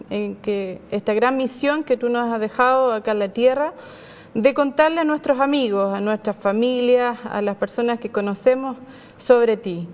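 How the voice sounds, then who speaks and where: A woman's voice: a little high, a little mellow, long reverb tail. A middle-aged Chilean woman, a nurse, talking on a faith program and leading a prayer, hesitant and full of filler sounds and tag questions. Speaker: nurse and guest.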